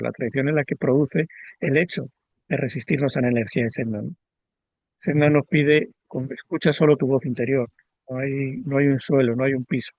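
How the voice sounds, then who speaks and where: A man talks through ideas in a calm, measured interview voice, often pausing to repeat himself and check in with a quick tag question. His voice sits in an ordinary middle range. The recording is dry and close, with almost no room sound. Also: mid-range voice, dry recording. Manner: measured, repeats words and tags "¿no?". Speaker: astrologer. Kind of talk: reflective explanatory conversation.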